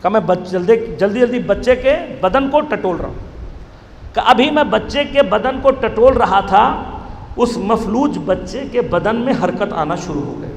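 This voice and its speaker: A man's voice: sits high, expressive. A male preacher giving a religious sermon, telling a story and building to impassioned, wailing appeals. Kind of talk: Shia majlis sermon. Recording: echoey hall recording, faint background noise.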